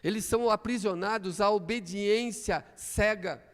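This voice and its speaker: A male pastor preaching a sermon in a church, emphatic and building to shouts. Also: high voice, unhurried. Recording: echoey church hall.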